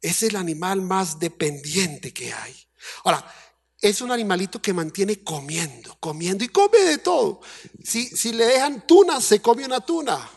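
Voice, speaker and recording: High-voiced Colombian pastor preaching. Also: male voice, normal speed, creaky, husky. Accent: Colombian Spanish. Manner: animated preaching with rhetorical questions to the congregation; acts out quoted voices in a high, fretful tone. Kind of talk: sermon.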